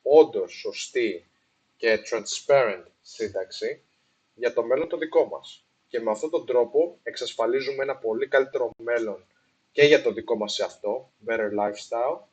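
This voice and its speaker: A man talks through a casual explainer on investing, pausing with fillers and restarting his sentences. His voice is husky and his middle-pitched tone is plain. He often drops English phrases into his talk, and the recording is of poor quality. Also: a little mellow. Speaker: investing video host. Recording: poor sound quality, apologized for.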